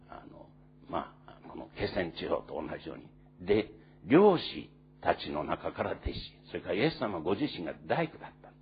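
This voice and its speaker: Low-voiced pastor preaching, lively pitch. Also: male voice, creaky, highs cut off, slight background noise. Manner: earnest storytelling with many pauses and fillers. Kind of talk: sermon.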